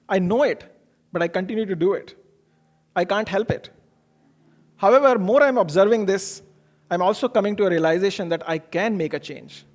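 A man speaks. He delivers an informal motivational talk in an earnest, explanatory way. He shares personal anecdotes and often asks a question before answering it himself. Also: high-pitched. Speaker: speaker giving a self-improvement talk.

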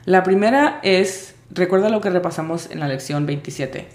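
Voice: medium pitch, moderate pace. A language teacher giving a spoken lesson, patiently spelling out sounds letter by letter. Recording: roomy echo.

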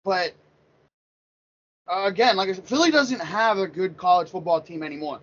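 A man's voice: high voice, normal speed, a bit bright. A man in his thirties from Pennsylvania, talking sports casually and rambling, with many restarts. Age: 30s. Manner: rambling, repeats words and restarts often. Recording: lo-fi dull sound.

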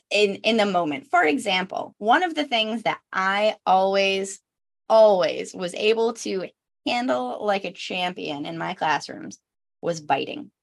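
A woman in her thirties co-hosts a casual podcast in a mid-range voice. She tells animated stories, jumping into acted-out quotes of herself and others. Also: medium pitch, normal speed, vocal fry. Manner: animated storyteller, acts out quotes. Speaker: podcast co-host.

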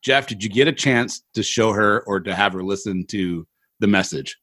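A man's voice: on the low side, normal speed, sharp tone, breathy edge. A man co-hosting a casual podcast, with reverb bouncing around a bare-walled room. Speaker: podcast co-host. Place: home office emptied to bare walls.

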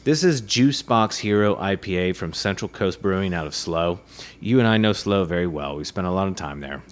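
Man, podcast host, casual chat, rambling, lively swinging pitch. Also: moderate pace. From United States. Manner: rambling, animated, beer-tasting banter.

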